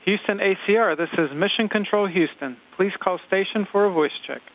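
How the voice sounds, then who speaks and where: High-pitched man on a tinny space-mission radio. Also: a little fast. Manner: clipped space-mission communicator speech. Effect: radio transmission. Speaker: mission control radio operator. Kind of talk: formal, procedural radio communication. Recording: tinny narrow-band radio link.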